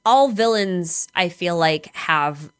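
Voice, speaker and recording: A woman's voice: on the low side, animated, takes it slowly, fairly bright tone, clear, resonant tone, no room sound. Chatty woman streamer, filler-heavy. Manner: chatty and speculative, with many "like" fillers. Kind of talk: casual chat.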